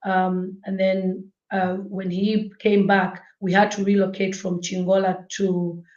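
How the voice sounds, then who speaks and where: A woman's voice: medium pitch, little pitch movement, slow pace, darkish tone. A young woman, answering interview questions in a chatty way with lots of ums. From Zambia. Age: young adult. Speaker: guest, blogger. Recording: echoey dull remote call audio.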